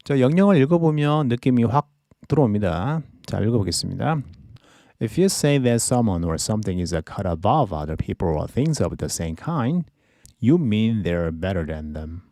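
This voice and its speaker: A man teaching English idioms in a podcast lesson, explaining each phrase slowly and reading examples carefully. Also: fairly low pitch, big pitch swings, mellow, no echo, studio quality.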